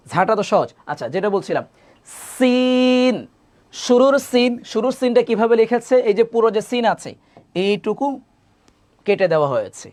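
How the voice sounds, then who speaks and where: A man teaching a live online Quran class with a Bangladeshi Bengali accent, patiently drilling letters for students to repeat and gently encouraging them. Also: sits high.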